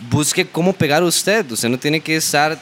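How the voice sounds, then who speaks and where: A young Costa Rican man talks on a casual podcast with a bright, forward voice. He makes emphatic, slangy points in a Costa Rican Spanish accent. Faint noise sits behind him. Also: a little high. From Costa Rica. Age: young adult. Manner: emphatic, slangy, fast rants. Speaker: podcast guest.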